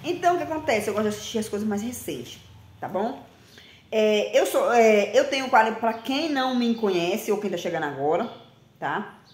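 A woman in her forties talking bluntly and emphatically to a phone camera, often ending phrases with a quick question. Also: mid-range voice, animated, darkish tone, roomy sound. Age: 40s. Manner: blunt, emphatic, repeats herself, frequent "tá?". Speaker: vlogger. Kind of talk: casual direct-to-camera talk. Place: small indoor room with plain wall.

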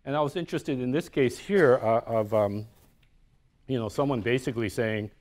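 A man with a mid-range, slightly mellow voice speaks at a moderate pace. In a university room he gives a live lecture on his own artworks, talking conversationally, thinking aloud with frequent restarts, and often checking in with "right?".

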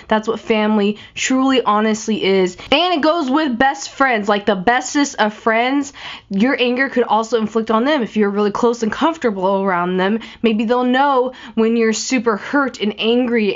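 A twenty-something woman, an art vlogger still recovering from a cold, rambles chattily about a film as she sketches. Her fairly high voice is slightly raspy, and she's in a small room before a patterned backdrop, captured in slightly dull lo-fi audio.

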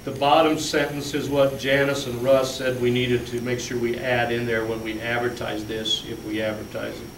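A man's mid-range voice, with little pitch variation, flows at a moderate pace with few pauses as he, a school business official, explains budget figures at a school board meeting. He plainly walks everyone through the handouts. The far room camera in the large fluorescent-lit room picks up echo and a faint hum.

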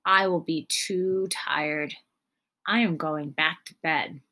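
A woman's voice: sits low, fairly even intonation, slow, sharp tone, exaggerated voice. A woman voicing a grumpy, sleepy male toad from a storybook, drawling and reluctant. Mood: tired, reluctant.

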